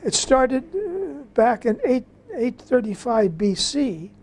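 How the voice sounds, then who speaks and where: Dark-voiced woman leading a Bible study. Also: on the high side, very animated, takes it slowly, breathy edge. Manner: reads scripture aloud then explains it conversationally, with frequent fillers. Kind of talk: informal Bible study teaching.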